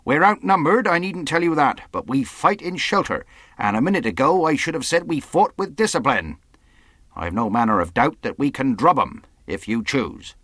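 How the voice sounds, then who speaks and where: A man's voice: mid-range voice, lively intonation, moderate pace, fairly bright tone, no room sound, clean studio sound, voice pushed up. A man voicing a stern, defiant sea captain in an audiobook, with clipped, authoritative, emphatic delivery. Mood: commanding, rallying. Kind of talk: audiobook character acting.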